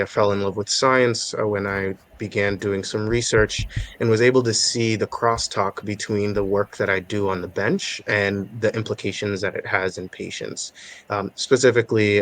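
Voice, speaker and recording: Low-voiced young man from Haiti. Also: a bit bright, no echo. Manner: measured, thoughtful, with many filler pauses. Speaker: guest. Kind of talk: podcast interview.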